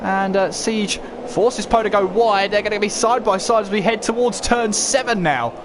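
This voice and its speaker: High-voiced male motorsport commentator over noise. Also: moderate pace. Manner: running play-by-play with rhetorical questions. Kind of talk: live motorsport race commentary.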